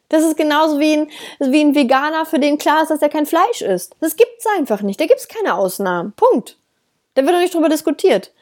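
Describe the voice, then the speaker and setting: Blunt, high-voiced woman dog trainer. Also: darkish tone. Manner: direct, blunt, with frequent laughs and emphatic stresses. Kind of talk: casual talk to listeners.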